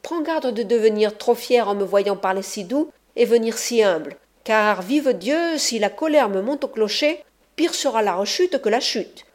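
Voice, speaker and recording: A woman's voice: fairly high pitch, expressive, moderate pace, a little mellow, natural voice. A woman reading an audiobook, voicing a proud, hot-tempered male ruffian who boasts and threatens. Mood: coaxing.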